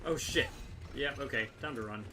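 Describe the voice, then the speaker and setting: Speaking at a normal speed in a mid-range voice, a game streamer delivers casual, wry commentary and talks with viewers, swearing freely. Video game sound fills the background of the noisy recording from a distant mic.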